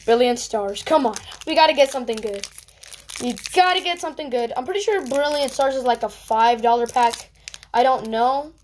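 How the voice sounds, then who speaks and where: A high-voiced woman talks casually through a card unboxing, chatty and easily excited. She jumps quickly from mild groans to loud cheers. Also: a little hiss or hum. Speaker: vlogger opening trading cards.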